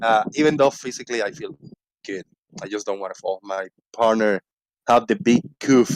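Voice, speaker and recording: Rambling at a moderate pace in a lowish voice, a forties-aged Puerto Rican man hosts a casual livestream in his native Spanish, Puerto Rican accent and all. Laughter and swearing come easily, along with throat-clearing from a slight frog. There's no room sound, but the recording is low quality.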